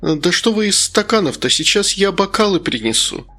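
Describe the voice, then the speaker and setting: Male reader doing a stern lady of the house, dignified, higher-pitched, gravelly. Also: big pitch swings, normal speed, pushed and bright, heavily acted. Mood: gracious.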